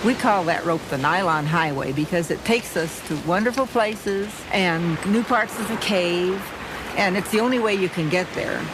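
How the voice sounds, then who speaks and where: A woman's voice: on the low side, moderate pace. Woman explaining over hissy, watery noise. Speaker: caver being interviewed. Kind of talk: explanatory interview talk.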